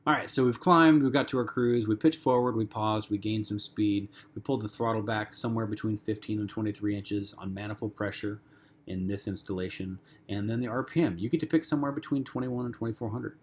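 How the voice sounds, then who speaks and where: A man's voice: fairly low pitch, a little fast. A man teaching a flight lesson in a casual, conversational way, with frequent ums and uhs. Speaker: flight instructor. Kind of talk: lecture-style flight lesson.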